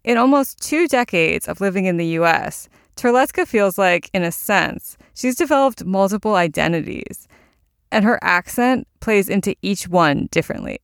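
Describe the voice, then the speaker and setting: A woman hosting a podcast, reading scripted narration in a calm, even, polished way. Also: mid-range voice, moderate pace, creaky, no room sound, studio quality.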